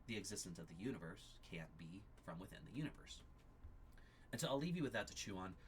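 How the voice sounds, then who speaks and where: A man with a notably low, deep voice delivers a church class lecture, explaining each point carefully and steadily. He pauses and restarts now and then as he works through an argument. Faint background noise sits under his voice. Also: sing-song. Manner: explanatory, measured, occasional restarts.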